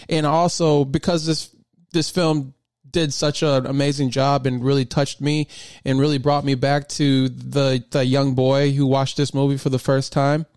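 Upbeat rambling man, smooth dry voice. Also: mid-range voice, a little mellow, dry recording. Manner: enthusiastic, rambling with many fillers and restarts. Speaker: podcast host. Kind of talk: casual solo podcast talk.

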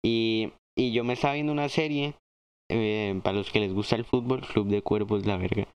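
Excitable slangy young man. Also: normal speed, smooth, highs cut off. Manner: slangy, excitable, swings his pitch high when joking. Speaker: podcast co-host. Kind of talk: casual chat.

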